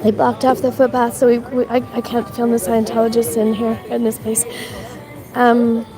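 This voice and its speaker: Out on a city street with crowds around, a woman from Canada gives casual live stream commentary, shivering in the cold as she walks and thanks viewers between filler-packed, rambling remarks. Her accent is a Canadian-Irish mix, and her slightly high voice stays monotone at a normal speed.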